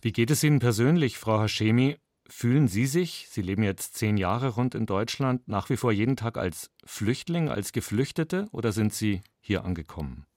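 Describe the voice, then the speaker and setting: A man's voice: on the low side, expressive, moderate pace, hardly any pauses, a little mellow, no room sound. A male radio host asking formal, composed questions in a studio interview. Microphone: studio microphone.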